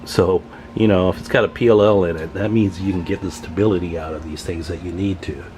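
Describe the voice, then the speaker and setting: He's a radio repair channel host offering folksy, casual remarks to viewers as he works at his indoor workbench. His low voice holds a steady tone and a slightly mellow quality, and he talks fairly quickly.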